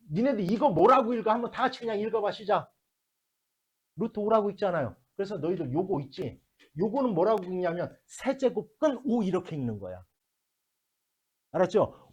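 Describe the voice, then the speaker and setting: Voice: mid-range voice, big pitch swings, moderate pace, a little mellow, slightly rough. A math teacher lecturing a classroom, working through problems step by step and constantly checking whether the students follow, mixing blunt casual talk with polite endings.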